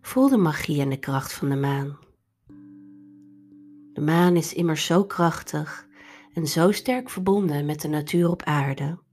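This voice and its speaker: A woman guides a meditation very slowly over soft background music. Her voice is on the low side and breathy, with a soft, soothing delivery. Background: instrumental music.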